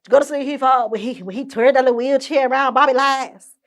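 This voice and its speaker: A woman's voice: sits high, steady tone, fast. A young woman hosting her own podcast, ranting indignantly and swearing constantly. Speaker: podcast host. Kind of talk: profane ranting monologue.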